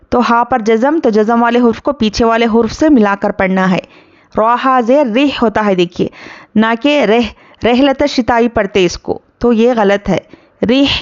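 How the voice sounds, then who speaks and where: A woman's voice: on the high side, highs cut off. A woman teaching tajweed, patiently drawing out each word of the recitation before she explains the rule that applies. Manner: slow and patient, drawing out Arabic words, then explaining the rules. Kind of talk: Quran recitation lesson.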